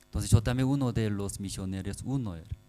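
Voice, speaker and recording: A man with a Korean accent preaching a sermon in halting, non-native phrasing, often checking with the congregation through short rhetorical questions. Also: fairly low pitch, dark tone, poor audio. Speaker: pastor.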